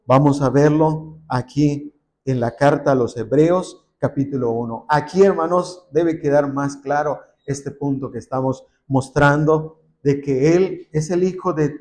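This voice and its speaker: A man with a somewhat high voice delivers a sermon to his congregation. He reads scripture aloud with growing force, then turns to rhetorical questions and answers them himself. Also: darkish tone. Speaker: preacher.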